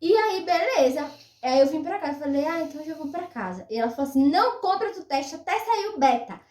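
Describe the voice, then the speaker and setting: A young woman with a high, bright-sitting voice chats animatedly to her viewers, repeating her words for emphasis. She sounds a little off-mic, in a room with a noticeable echo that lingers around her. Her delivery is loose, personal storytelling. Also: lively intonation, quick pace. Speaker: vlogger. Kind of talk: casual storytelling to camera. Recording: roomy echo, mic at a distance.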